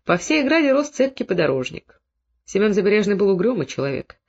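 A man narrating a literary novel in a measured, expressive storytelling manner. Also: sits high. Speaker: audiobook narrator. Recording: dull lo-fi recording.

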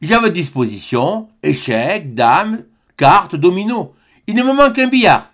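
A man reading an audiobook, voicing a jovial, playful male space traveller in a raised, lively voice. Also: sits high, measured pace, pitched above the performer's own voice, heavily acted.

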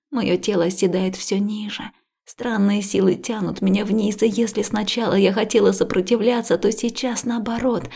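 A woman narrating a first-person audiobook in an intimate, emotional style, often slipping into a breathy whisper. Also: medium pitch, warm tone.

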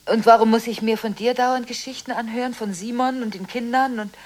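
An actress playing a scattered, jittery woman in a radio drama, stammering through phone calls and swinging between whispers and sudden loud bursts. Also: a little high, steady tone, fairly quick, close to an everyday voice. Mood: defensive quarrel.

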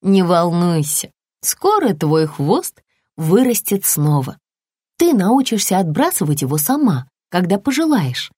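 A woman voicing a calm, loving mother lizard in a storybook, speaking slowly and soothingly. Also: low-pitched, husky, dry recording, clean studio sound, heavily acted. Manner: soothing, slow and gentle.

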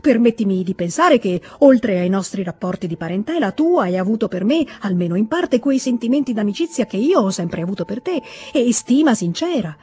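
Emotional begging nobleman, raised and loud, read by a husky-voiced woman. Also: medium pitch, expressive, brisk, hardly any pauses. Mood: imploring. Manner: emotional, imploring, rising to cries. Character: pleading warm-hearted middle-aged nobleman, brother-in-law.

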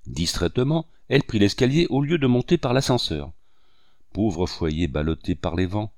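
A man narrating a literary novel as an audiobook, with expressive, dramatic phrasing. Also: fairly low pitch, dry recording.

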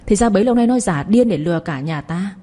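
A woman voicing a harsh, domineering older mother-in-law who shouts insults at her household. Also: medium pitch, animated, fast, natural voice. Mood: scornful.

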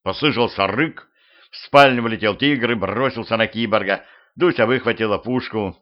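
A man narrating a first-person audiobook at an even storytelling pace. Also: fairly low pitch, moderate pace. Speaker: audiobook reader. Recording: dull lo-fi home recording.

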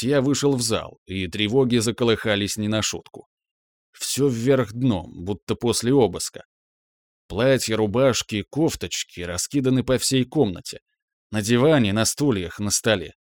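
A man's voice: medium pitch, no room sound, studio quality. A man reading a novel aloud in the first person, in a wry, inward storytelling manner. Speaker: audiobook narrator. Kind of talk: scripted first-person narration.

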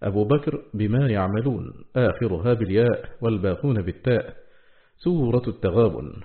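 A man with a low voice recites a scholarly text in an even, measured way. He slows down to spell out each quoted word. The sound is thin and narrow, like a phone line. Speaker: reader of a classical text.

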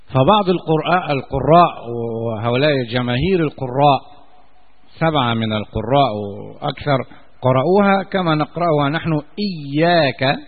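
Egyptian sheikh teaching in a tinny echoing hall. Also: male voice, mid-range voice. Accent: Egyptian Arabic. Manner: chanting verses slowly, then explaining in colloquial asides. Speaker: sheikh teaching Quran commentary. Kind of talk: religious lesson. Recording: tinny phone-like sound with long hall reverb.

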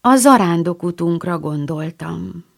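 A woman's voice: on the low side, animated, creaky. Woman reading as a shy dreamy girl.

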